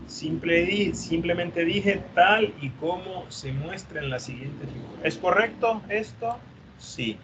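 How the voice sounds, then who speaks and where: A man's voice: high-pitched, slow, highs cut off, noisy background. A male teacher lecturing an online class, explaining step by step and often checking for understanding.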